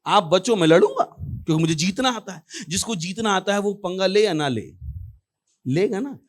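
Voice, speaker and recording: A man preaching as a pastor in an animated sermon, often calling out exclamations to his congregation. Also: high-pitched, normal speed. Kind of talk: lively Hindi sermon.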